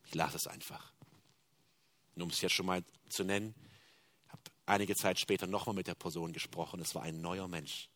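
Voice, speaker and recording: A man preaching a sermon, moving between hushed, confessional passages and loud, emphatic declarations. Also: sits low, fairly even intonation, brisk, no room sound.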